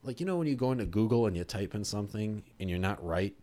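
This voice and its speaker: A young man casually telling a story on a podcast, animated and swearing freely, acting out the voices of people he quotes. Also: lowish voice, fast.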